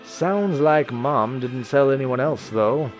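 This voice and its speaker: A man's voice: medium pitch, animated, slow pace, faint music behind. A man voicing a weary, bitter male vampire assassin in a text game, speaking in a subdued, ashen tone.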